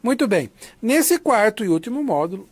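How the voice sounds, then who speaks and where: Speaking at a moderate pace in a dry recording with no room sound, this Brazilian-accented man has a high, very animated voice. He lectures an academic writing class online in a casual, didactic way, often tacking on little tag questions to make sure listeners follow.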